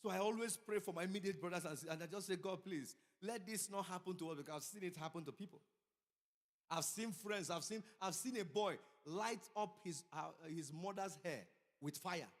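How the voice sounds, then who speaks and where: A middle-aged man preaching a sermon as pastor, telling stories and swinging from low asides to loud emphasis. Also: fairly quick. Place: church sanctuary. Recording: church hall reverb.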